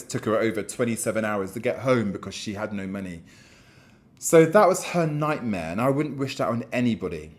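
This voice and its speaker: A man with a British accent giving casual, blunt talking-to-camera advice as a real estate business owner, often repeating words as he goes. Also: fairly low pitch. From United Kingdom.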